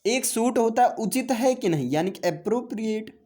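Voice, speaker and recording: This high, expressive, dark-toned male voice delivers a classroom-style English grammar lesson. Speaking Hindi laced with English terms, he works through it step by step, asks and answers his own questions, and slowly reads English lines aloud.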